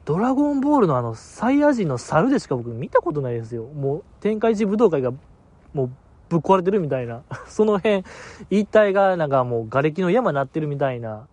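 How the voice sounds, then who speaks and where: Man, solo podcast host, rambling and self-mocking, somewhat high-pitched, dry close sound. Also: big pitch swings, fairly quick, a little mellow, no echo. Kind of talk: casual solo podcast chat.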